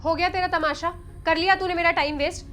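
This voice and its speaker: Actress as insulting young daughter-in-law, commanding, high voice, light music behind. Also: female voice, steady tone, fast talker, fairly bright tone. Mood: contemptuous.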